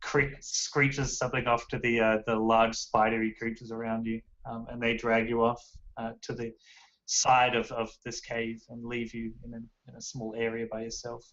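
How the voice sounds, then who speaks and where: A man's voice: mid-range voice, completely flat delivery, normal speed, a bit bright. Rambling game master man. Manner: loose, rambling description full of fillers. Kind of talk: narrating a tabletop game. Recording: muffled lo-fi recording.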